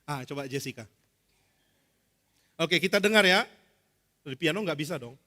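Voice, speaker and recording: Bright-voiced pastor preaching in an echoing church. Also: male voice, fairly high pitch, lively intonation, moderate pace. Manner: playful, conversational, acts out scenes and sings notes. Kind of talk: lively sermon with illustrations. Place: church sanctuary. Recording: reverberant church hall, faint music.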